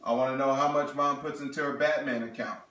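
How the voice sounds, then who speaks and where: Animated man presenting in an echoey room. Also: mid-range voice, brisk. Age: 30s. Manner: animated, talks to the audience, frequent "okay?". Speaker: financial presenter. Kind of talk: sales seminar presentation.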